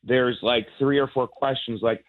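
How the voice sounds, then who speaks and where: A man's voice: mid-range voice, steady tone, moderate pace. Guy on speakerphone, tinny phone line sound, laid-back and rambly, chuckles while he talks. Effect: heard over a phone line. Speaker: caller on a radio dating segment. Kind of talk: casual chat.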